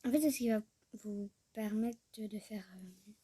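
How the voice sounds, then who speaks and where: A woman YouTuber chats casually through a screen-recorded tutorial, rambling, talking to herself and often dropping to a murmur. Her mid-range voice is warm and husky, at a moderate pace, with no echo.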